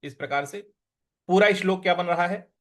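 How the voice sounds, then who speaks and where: A man teaching the recitation of a Sanskrit verse, breaking words into syllables and chanting the lines slowly between quick spoken explanations in Hindi. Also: high-pitched. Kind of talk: slow syllable-by-syllable recitation lesson.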